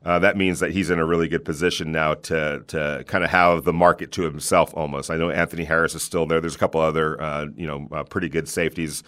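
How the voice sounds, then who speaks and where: A man hosting a sports call-in show, giving unscripted commentary in hesitant, measured phrases with many pauses. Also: very deep voice, little pitch movement, a bit bright.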